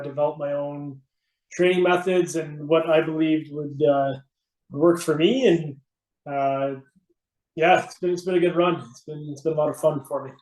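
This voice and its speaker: A middle-aged Canadian man with a fairly high, darkish voice appears as a podcast guest, talking casually about his own experience as a veteran firefighter and competitor. The sound is roomy and echoey.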